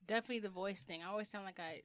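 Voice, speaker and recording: A woman guest chatting casually on a podcast, soft-spoken and quieter than the men around her. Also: mid-range voice, racing. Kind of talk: casual chat.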